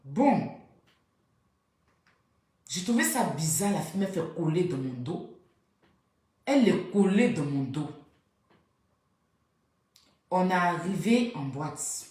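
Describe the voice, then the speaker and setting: Low-voiced woman telling a story in a very echoey room. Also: slow, pauses often. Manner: animated, acts out what others said, pitch jumps up when excited; keeps voice soft, says she cannot speak loudly. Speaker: storyteller recounting a night out. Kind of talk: casual spoken storytelling.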